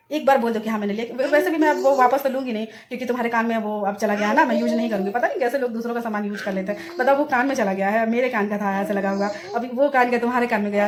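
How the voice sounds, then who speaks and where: A young adult woman vlogger telling a story in a casual, animated way, acting out what others said. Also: mid-range voice. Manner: animated retelling, acts out quoted people.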